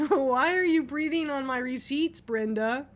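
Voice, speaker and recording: A woman's voice: high-pitched, a little slow. A woman playing a sarcastic, exasperated bystander griping in a comedy parody.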